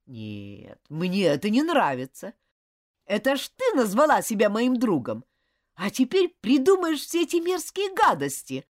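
A woman's voice: mid-range voice, wildly swooping pitch, moderate pace, dry recording, clean studio sound, voice pushed up. Woman playing a hot-tempered scornful schoolboy. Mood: indignant. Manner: indignant, clipped, scornful. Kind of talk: audiobook reading.

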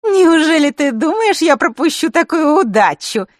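A woman's voice: high-pitched, expressive, moderate pace, no room sound, studio quality, pitched above the performer's own voice. A woman voicing a scheming teenage girl who taunts her rival in a sneering way. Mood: mocking.

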